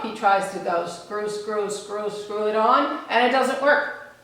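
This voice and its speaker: A woman psychologist giving a calm, measured educational talk, explaining her points step by step. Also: medium pitch. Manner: measured, explanatory, acts out quoted scolding adults. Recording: very echoey room.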